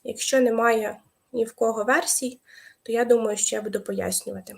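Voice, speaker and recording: A young woman teaching a live online exam-prep lesson, explaining patiently with hesitant fillers and pausing to wait for viewers' answers. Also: a little high, steady tone, creaky.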